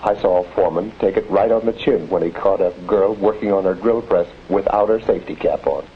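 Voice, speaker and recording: A man's voice: low voice, a little fast, slightly rough, full character voice. An actor playing an exasperated, plain-spoken American factory foreman with a wry manner in a 1940s instructional film. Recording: muffled, hissy 1940s film soundtrack.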